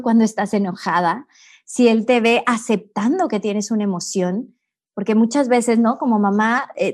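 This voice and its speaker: A middle-aged woman speaking as a guest, explaining in a calm, teacherly way and often tagging her points with a questioning "no?". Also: fairly high pitch. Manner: calm, teacherly, with many "¿no?" tags. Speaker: guest, personal growth coach. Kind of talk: reflective interview talk.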